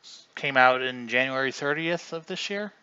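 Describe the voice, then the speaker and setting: Man streamer, bright forceful voice, loose casual commentary, dull lo-fi home recording. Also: medium pitch, lively intonation, normal speed, clean tone. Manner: chatty, rambling, often restarts mid-sentence. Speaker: livestream host.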